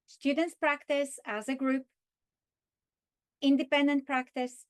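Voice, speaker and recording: A woman with a fairly high voice explains a reading lesson plan to teachers. She speaks slowly and deliberately. She draws out words as she models how to say them. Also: flat delivery. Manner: slow, deliberate delivery, stretching key words when modeling. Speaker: teacher trainer. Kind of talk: instructional walkthrough with modeled lesson script.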